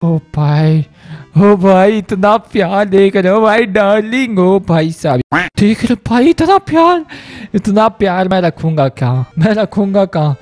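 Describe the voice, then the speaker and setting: A man giving excitable, exclamatory commentary over a mobile game, often shouting out in surprise. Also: high-pitched, a little slow, faint music behind. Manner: exclamatory, animated, repeating "o bhai sahab". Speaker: gaming YouTuber. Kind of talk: excitable Hindi let's-play commentary.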